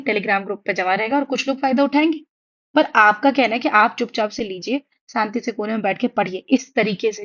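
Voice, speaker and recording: A young woman with a fairly high voice gives an online exam-prep lecture in a blend of Hindi and English, and the recording sounds muffled. She's chatty and reassuring, frequently checking on her students with "theek hai?" She writes on a tablet as she teaches.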